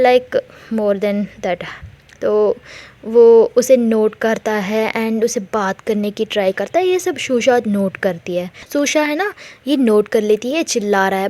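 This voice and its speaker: A woman's voice: medium pitch, a little mellow. A woman retelling a romantic fantasy story in a loose, chatty way, mixing in English words.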